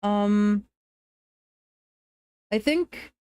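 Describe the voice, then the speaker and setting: A streamer with an androgynous to femme-sounding voice, chatting casually with viewers in a rambling, relaxed way. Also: mid-range voice, extremely slow, clean tone, dry recording. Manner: relaxed, rambling, laughs often, restarts sentences.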